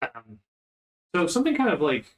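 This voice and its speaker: A man running a tabletop game as game master, talking in a relaxed, hesitant way with many fillers. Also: a little high, moderate pace, roomy sound, poor audio.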